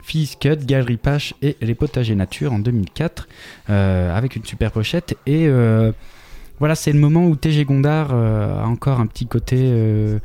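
A man's voice: medium pitch, normal speed, warm tone. A man hosting a music radio show, talking casually with many hesitations and self-corrections.

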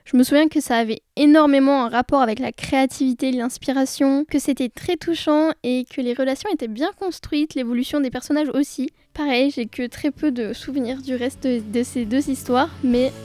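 High-voiced young woman chatting about books. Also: fairly even intonation, normal speed, few pauses, a little mellow, dry recording. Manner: enthusiastic, chatty, frequent hesitations. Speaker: book vlogger. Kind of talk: casual book chat.

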